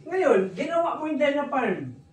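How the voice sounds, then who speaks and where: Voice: sits high, sing-song, normal speed, darkish tone, far from the mic. A business presenter giving a jokey seminar talk, who keeps quizzing a live audience in an office hall. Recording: roomy hall, recorded from afar with audience noise.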